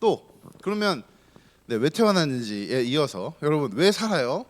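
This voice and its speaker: Lively male pastor quizzing children. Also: a little high, moderate pace. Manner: asks children many questions, playful and teasing. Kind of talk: children's sermon.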